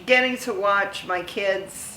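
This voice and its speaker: A woman's voice: mid-range voice, slow, sharp tone, reverberant, slight background noise, low-quality recording. A middle-aged woman being interviewed as a guest, reminiscing casually and gushing with praise, laughing often. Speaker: interview guest, theme park haunt performer.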